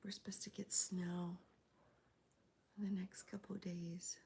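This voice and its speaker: Woman, whispering, gravelly from a cold, flat and even delivery, mellow tone, faint background hiss. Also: on the low side, measured pace. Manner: soft whispering with fillers. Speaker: crochet livestreamer. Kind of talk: whispered ASMR livestream chat. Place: home, early morning.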